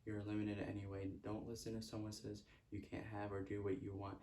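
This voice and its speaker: A man's voice: fairly low pitch, completely flat delivery, a little fast, dark tone, far from the mic, a little hiss or hum. A man giving a motivational self-help talk, repeating earnest affirmations. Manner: earnest, repetitive affirmations with stray laughs. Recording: echoey room, speaker off-mic.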